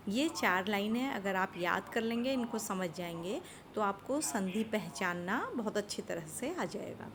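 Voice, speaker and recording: A woman teacher giving a Sanskrit grammar lesson to students, patiently asking questions and answering them herself, and chanting short rhyming rules slowly. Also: mid-range voice, background noise.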